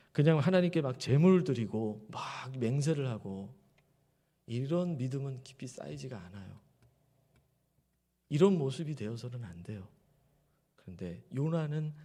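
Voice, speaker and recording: A male pastor preaches a Sunday sermon with a mellow, dark tone. He keeps asking the congregation questions, drops into quiet low asides, then rises loud for emphasis. His voice rings with the long reverb of a big church hall. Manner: addresses the congregation directly with rhetorical questions. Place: church sanctuary.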